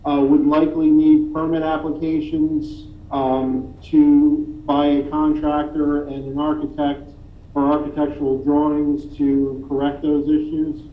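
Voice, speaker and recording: A man's voice: fairly high pitch, completely flat delivery. Man on a tinny call, uneven volume. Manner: halting and apologetic. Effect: uneven volume, level rising and dropping. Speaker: council member. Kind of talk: questioning at a public meeting. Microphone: remote call audio. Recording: tinny echoey remote call line with faint hiss.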